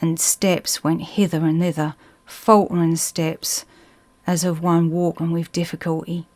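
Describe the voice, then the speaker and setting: A woman narrates a ghost story in a Suffolk accent. Her voice sits a little low, and she reads the scripted tale in a measured storyteller's way. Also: level tone, a little mellow.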